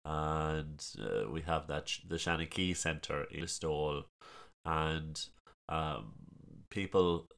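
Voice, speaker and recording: A man with a lilting, musical Kerry Irish accent, chatting and telling stories in a halting way, often repeating words. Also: very deep voice, gravelly, a bit bright. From County Kerry, Ireland. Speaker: storyteller, podcast guest. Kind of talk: casual chat, storytelling.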